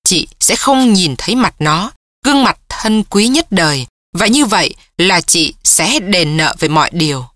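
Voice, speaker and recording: A woman reading a novel aloud as an audiobook narrator, voicing the dialogue in her own voice and lifting her pitch for the emotional lines. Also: animated, unhurried, a bit bright, no echo, studio quality. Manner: reads several characters in one voice, lifting pitch for emotional dialogue.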